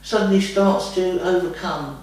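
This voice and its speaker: A woman's voice: fairly low pitch, unhurried, darkish tone. Homely woman medium in an echoey room. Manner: homely and rambling, calls the listener lovey. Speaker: trance medium answering questions. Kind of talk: spiritual guidance session, casual chat. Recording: very echoey room, far from the mic.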